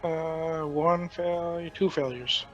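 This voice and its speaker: A man's voice: on the high side, steady tone, slow pace, a bit bright, highs cut off, faint music behind. A man casually refereeing a tabletop game as game master, in brief, matter-of-fact calls.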